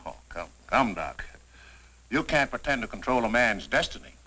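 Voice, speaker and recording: An actor playing a confident, brisk businessman in 1940s horror film style, crisp and authoritative. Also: mid-range voice, sing-song, bright, forceful tone, full character voice. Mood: reassuring.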